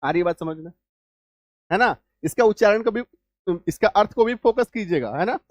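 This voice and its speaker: A male teacher explaining English spelling rules, spelling out letters slowly and often asking whether the class has understood. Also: sits high, animated, no echo, dull audio. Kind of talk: spoken spelling lesson.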